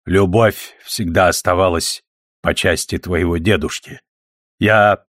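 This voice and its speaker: A man's voice: deep voice, fairly even intonation, takes it slowly, no echo, clean studio sound. A man voicing a blunt, foul-mouthed elderly grandmother who speaks curtly and sharply in an audiobook. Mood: gruff. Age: older. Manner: curt and sharp-tongued.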